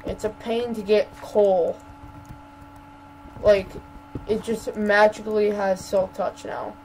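A woman's voice: medium pitch, flat delivery, slow pace, darkish tone, a little hiss or hum, poor audio. A woman giving casual gameplay commentary as a channel host, stammering and repeating words while ranting in exasperation.

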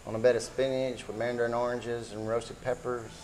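Man, restaurant chef, middle pitch, matter-of-fact, listing ingredients. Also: level tone, a little fast, darkish tone, rough recording. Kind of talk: explaining dishes on camera. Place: restaurant dining table.

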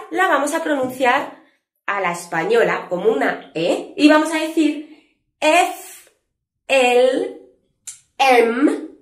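Teacher lady, bouncy voice, kinda high, roomy echo. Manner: lively, clear and patient, drawing out letter sounds to show them. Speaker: English teacher. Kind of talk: spoken lesson for Spanish speakers.

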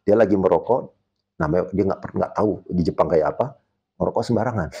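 A man talks on a podcast, telling a story with lively swings in pitch and loudness. He acts out the voices of the people he quotes and slips English words into his talk. He speaks as a martial arts coach. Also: a little fast, breathy edge, lo-fi sound. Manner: mixes English words into speech.

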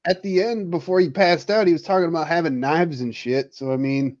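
A man's voice: on the high side, fairly quick, darkish tone, dry recording. Mocking man co-host on dull lo-fi audio. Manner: crude, mocking. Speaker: livestream co-host. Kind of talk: casual livestream chat.

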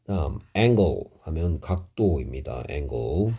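Male English teacher, middle-aged, deep, dark, husky tone, slow patient explanations. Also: big pitch swings. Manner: slow, explanatory, with Korean glosses of English words. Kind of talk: vocabulary lesson.

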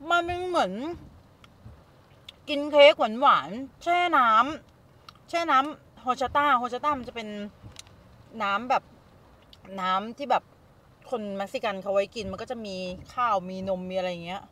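Her voice sits on the high side, her pace is measured, and she pauses often. This woman in her thirties is casually vlogging through a grocery store and then sampling food in her parked car, excitably chatting directly to her audience. She films on a handheld phone at arm's length, and background music runs under the video.

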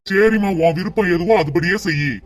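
A man's voice: sits high, a little fast, a little hiss or hum, close to an everyday voice. A man voicing a caring older brother and indulgent father in a cartoon, coaxing and fussing. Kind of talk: Tamil cartoon dubbing.

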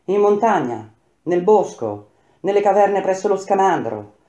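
Gentle young slave girl voiced by a woman, soft, pleading, roomy echo. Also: medium pitch, sing-song, measured pace, muffled recording, voice pushed up.

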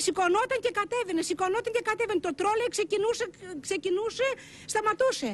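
Woman, eyewitness account, very high voice, insistent, repetitive, faint rumble behind. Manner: insistent, repeats herself.

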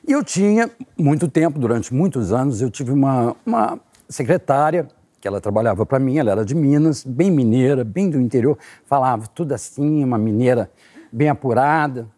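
A Brazilian man in his sixties, an actor guest on a talk show, telling a story with lively, acted-out delivery. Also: medium pitch, moderate pace. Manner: animated storyteller, acts out quotes.

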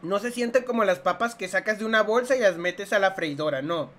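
A man's voice: high voice, brisk, fairly bright tone. Young Mexican-accented man, food vlogger, jokey and foul-mouthed, chewing and humming between bites. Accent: Mexican Spanish. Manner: joking, slangy and profane, chews between lines. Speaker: food reviewer. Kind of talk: casual eating review vlog.

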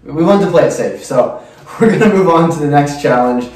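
A man's voice: fairly high pitch, animated, a little fast, a little mellow. Young male host in a very echoey room. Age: young adult. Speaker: host of a spicy food challenge show. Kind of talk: casual on-camera presenting. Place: small indoor room, seated at table. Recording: echoey room, distant microphone.

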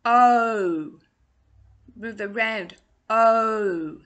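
A woman in her sixties, born in England and raised in Australia, speaks with an Australian accent that carries a trace of English. Her voice is on the high side and fairly bright, with drawn-out words. She gives a singing lesson from a small room at home, carefully enunciating vowel words into a laptop webcam.

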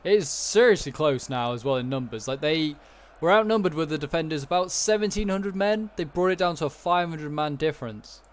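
This man, a gaming commentator, talks casually through a strategy game battle as he watches, his voice a little high and his delivery a little fast. Battle sounds from the video game fill the background noticeably.

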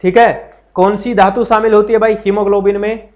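A high-voiced man runs a live online exam-prep class. He is chatty and encouraging, repeats every point and keeps asking his students questions. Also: little pitch movement, moderate pace, a little mellow. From Haryana, India. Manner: greets viewers and reads their comments aloud. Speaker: teacher.

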